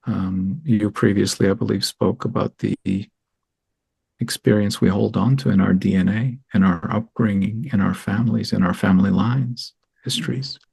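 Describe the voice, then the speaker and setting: A low, gravelly man from Israel speaks as an interview guest, earnest and reflective, with a husky edge and many pauses. The sound is close and dry. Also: fairly even intonation, a little mellow, no room sound. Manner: earnest, thoughtful, halting with many ums.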